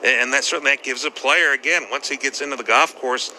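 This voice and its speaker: A man's voice: medium pitch, steady tone, quick pace, pushed and bright, slight background noise, low-quality recording. A man giving conversational analysis as a golf commentator on a live broadcast.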